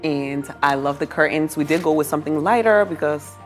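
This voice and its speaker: A woman with a low voice, speaking a little fast, gives viewers a casual tour of a home makeover and gushes admiringly about the decor. Music plays behind her voice.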